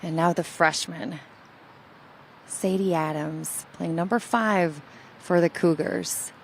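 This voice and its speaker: A woman's voice: lowish voice, steady tone, slow, creaky, a little hiss or hum. A woman giving live golf commentary, explaining play directly to the viewers.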